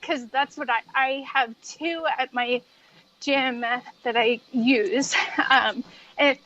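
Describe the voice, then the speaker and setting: Brief: female podcast guest, fairly high voice, giggly halting chat, slightly muffled recording. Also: steady tone, pushed and bright, a little hiss or hum. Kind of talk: casual chat.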